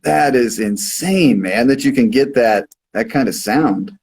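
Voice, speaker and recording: A man's voice: mid-range voice, a little slow, darkish tone, breathy edge, low-quality recording. A man hosting a casual radio livestream interview, easygoing and full of fillers and agreeing noises. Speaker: radio host.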